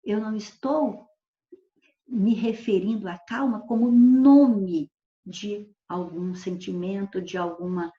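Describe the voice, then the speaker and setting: A woman's voice: medium pitch, slow pace. A woman teacher giving a recorded grammar lesson, patiently explaining through spoken examples and often checking in with her students. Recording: echoey room, dull lo-fi sound.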